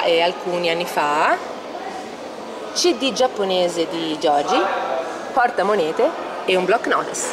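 A woman in a busy convention hall, steering her handheld camera from case to case as she talks through her collection. Her voice sits at an ordinary middle pitch, casual and a little halting as she names each piece. Heavy crowd noise fills the space around her. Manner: walking the camera through display cases, listing items with small hesitations. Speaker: collector showing her exhibit. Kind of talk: casual guided tour narration. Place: indoor convention hall stand. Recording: loud background noise of a public hall. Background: loud convention crowd ambience.

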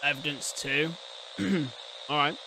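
A young adult man hosting reaction videos talks slowly into a close desk condenser mic while wearing a headset, his voice on the high side with little pitch movement. His commentary is casual and slangy, with blunt swearing and muttered asides, recorded in a room at home with background noise.

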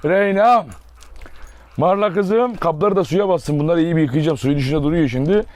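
A man's voice: on the high side, darkish tone, no room sound. A young man chatting casually as he walks viewers around his dog farm outdoors, often cooing affectionately at his dogs. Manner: fast, affectionate baby talk to his dogs. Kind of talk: casual vlog walkthrough.

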